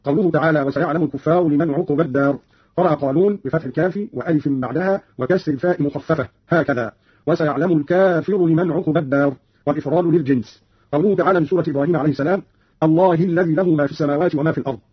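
A man reading a formal scripted explanation as a radio presenter, slowing down and measuring his words when he quotes a verse. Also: on the high side, husky. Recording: dull lo-fi radio broadcast archive.

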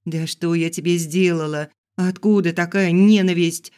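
A terrified young heroine shrieks and begs for her life, voiced by a man reading an audiobook. The voice climbs high and strains with panic, yet stays smooth and clean. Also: level tone, a little slow, lightly acted. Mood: desperate. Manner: shrill panicked shouting and pleading. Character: frightened young woman heroine, bound and desperate. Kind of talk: audiobook character voice.

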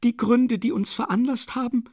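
A man's voice: sits high, moderate pace, a bit bright, no room sound, clean studio sound, voice pushed up. A man reading an audiobook, voicing a proud, desperate widow who shrieks in haughty, breathless outbursts. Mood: shrill indignant.

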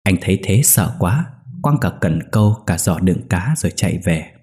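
A man narrating a ghost story in a steady, measured way. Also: low-pitched.

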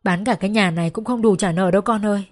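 A woman voices a desperate, indebted mother pleading tearfully with her daughter for help in a spoken story. She speaks fast at medium pitch, a little mellow, and the acting is light.

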